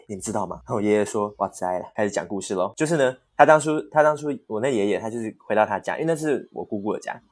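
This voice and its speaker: Male podcast co-host, fast-paced, animated ghost-story teller. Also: medium pitch. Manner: animated storyteller, frequent laughter. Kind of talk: casual ghost-story telling.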